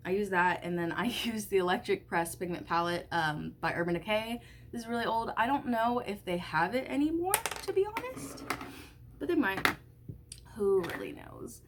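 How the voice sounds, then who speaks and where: With a little hiss or hum on the recording, a stuffy-nosed woman in her early twenties talks in a mid-range voice during a get-ready-with-me vlog. Doing makeup at home, she rambles loosely, uses lots of fillers, and swears casually.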